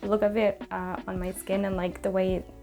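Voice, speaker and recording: A woman's voice: mid-range voice, little pitch movement, moderate pace, warm tone, soft background music. A woman in her twenties chatting casually through a makeup tutorial, rambling with small asides as she works. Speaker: beauty vlogger.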